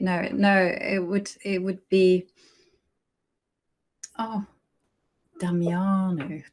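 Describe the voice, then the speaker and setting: A woman streaming her chess games, chatting casually and thinking aloud as she plays. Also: mid-range voice. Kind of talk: casual live-stream commentary.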